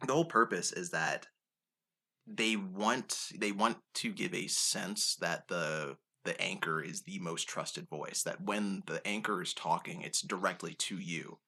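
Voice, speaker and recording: A man's voice: low-pitched, measured pace, bright, forceful tone. A young man co-hosting a podcast, chatting casually and explaining his opinions, often saying dude. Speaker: podcast co-host. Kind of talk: casual chat.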